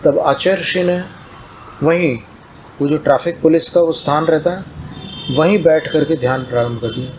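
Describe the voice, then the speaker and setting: Male preacher, somewhat high voice, calm sermon storytelling, faint background hum. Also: moderate pace, pauses often, poor audio. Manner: calm narrating, retelling dialogue in plain speech.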